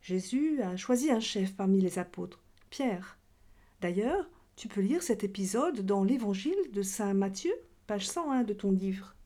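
With a mellow mid-range voice and lively intonation, this catechism teacher speaks a little slowly. Her children's religion lesson takes the form of questions and answers, and she keeps everything simple for young listeners.

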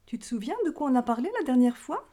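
Higher, mellow-voiced woman teaching children. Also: lively intonation, fast. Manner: simple, explanatory address to children. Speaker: catechism teacher. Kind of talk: children's religion lesson in question-and-answer dialogue.

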